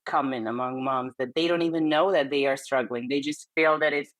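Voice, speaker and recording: A woman's voice: very deep voice, a little fast, no echo. A middle-aged woman from Hungary with a Hungarian accent, speaking candidly and earnestly as a podcast guest, laughing lightly between phrases. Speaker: guest, perinatal therapist. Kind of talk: conversational interview.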